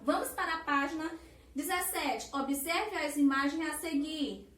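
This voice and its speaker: A woman's voice: high-pitched, measured pace, fairly bright tone. A woman teacher with a Brazilian Portuguese accent giving a recorded lesson to young children, patient and sing-song, stretching out syllables. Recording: roomy echo, far from the mic, faint hiss.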